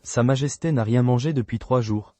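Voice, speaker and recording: A bold young imperial cook played by a man speaks in a cocky, teasing way at a medium pitch. It is dramatized dubbing, set over a clearly noisy sound bed. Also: moderate pace, natural voice. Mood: self-assured. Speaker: voice actor in a dubbed drama. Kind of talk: dramatized dubbing with inner monologue.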